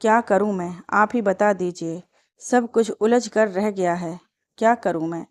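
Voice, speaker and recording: A woman's voice: mid-range voice, measured pace, natural voice. A woman voicing a grieving, resentful young wife in a storybook tale. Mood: tearful.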